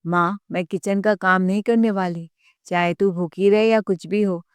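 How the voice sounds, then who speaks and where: A woman's voice: medium pitch, fairly even intonation, normal speed, smooth, dry recording, natural voice. A woman voicing a spiteful, spoiled young sister-in-law who taunts and sulks. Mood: sulky. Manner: taunting, sulky.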